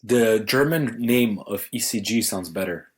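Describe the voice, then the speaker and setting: A young man co-hosting a casual tech podcast, teasing his friend and telling stories in a joking, animated way. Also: on the low side, a little slow. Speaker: podcast co-host.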